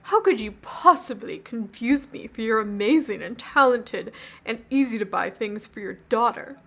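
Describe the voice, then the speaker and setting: A woman's voice: a little high, animated, moderate pace, creaky, a bit bright, heavily acted. A woman voicing a pompous, regal, affronted character in a video game read-aloud. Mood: grand indignation. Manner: regal, grandly indignant. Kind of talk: video game voice-over reading.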